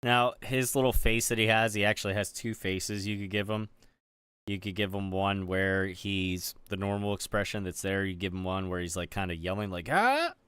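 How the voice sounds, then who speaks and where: A man's voice: low-pitched, flat delivery, normal speed, fairly bright tone, clean tone, no echo. A man streaming, chatting casually with viewers while he builds. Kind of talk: casual live-stream chat.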